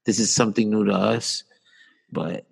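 A man's voice: fairly low pitch, fairly even intonation, moderate pace, gravelly, slightly rough. A man co-hosting a casual podcast chat, joking and rambling. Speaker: podcast co-host.

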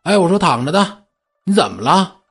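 Man putting on a bossy imperial tax official, raised, brash voice, husky, lively pitch, storytelling. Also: normal speed, faint music behind, full character voice. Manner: loud, swaggering, ordering people about. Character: brash, bossy Qing-era male tax collector.

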